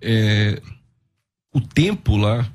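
A man telling his life story as a guest, unhurried, with pauses and restarts. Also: lowish voice, expressive, a little mellow. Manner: recounts events, acting out quoted dialogue. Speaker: guest giving his testimony. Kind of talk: conversational storytelling.

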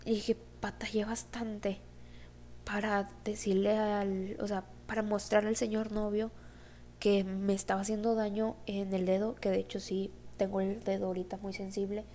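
Young woman, Mexican Spanish accent, casual storytime, rambling with fillers, low-key warm voice. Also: little pitch movement, normal speed, slight background noise. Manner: rambling, heavy filler "o sea, como que"; acts out quoted dialogue. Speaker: vlogger.

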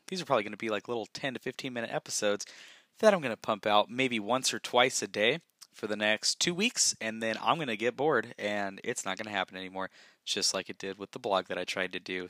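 A young man chats through a casual solo podcast in a low, bright and forceful voice. He rambles and puts himself down, speaking into a gaming headset mic in a bathroom. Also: expressive, a little fast, dry recording. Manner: rambling, self-deprecating. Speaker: podcast host.

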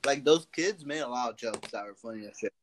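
A man's voice: mid-range voice, fairly quick, a little hiss or hum. A teenage man co-hosting a casual chat podcast, slangy and laid-back, swearing often. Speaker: podcast co-host.

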